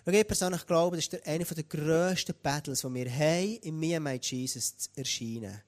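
A man with a Swiss German accent preaching a sermon, talking straight to the congregation in a lively way. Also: a little high, fairly quick. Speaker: pastor.

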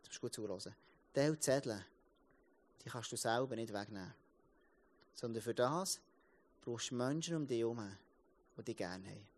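A man's voice: medium pitch, normal speed, pauses often. A man in his thirties with a Swiss German accent, giving a casual sermon as a pastor, telling stories with many restarts. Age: 30s. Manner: lively storytelling, many restarts and repeated words.

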